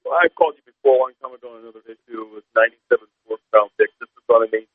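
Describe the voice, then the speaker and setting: A man's voice: mid-range voice, racing, no room sound. A man calling in to a radio show over a bluetooth headset that keeps breaking up, polite and a little hesitant. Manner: polite, explains hesitantly with fillers. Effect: breaking-up bluetooth headset call. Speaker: caller. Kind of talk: call-in radio chat. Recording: tinny, dry phone line.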